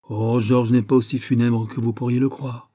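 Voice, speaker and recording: A man reading an audiobook, voicing a chatty, gossipy wealthy society hostess with a confiding, emphatic manner and a husky voice. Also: mid-range voice, level tone, normal speed, dark tone, close to an everyday voice.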